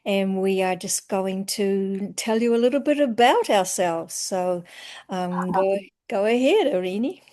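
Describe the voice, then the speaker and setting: A woman, a coach talking about her work in a casual interview. She speaks in a relaxed, reflective way and often trails off softly at the ends of phrases. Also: medium pitch, unhurried. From New Zealand. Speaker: empowerment coach.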